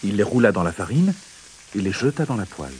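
A man reading a children's fairy tale aloud in an expressive, dramatic way. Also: on the low side, fast talker, slight background noise. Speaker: narrator. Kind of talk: storybook narration.

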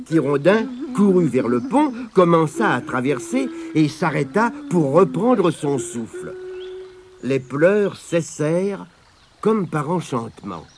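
Slow, expressive male storyteller. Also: a little high, noisy background. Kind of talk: children's story reading.

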